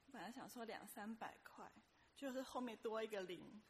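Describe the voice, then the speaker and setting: A woman sharing a testimony at church in a casual, lively storytelling way, acting out the voices of the people in her story. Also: on the high side, normal speed, noisy background.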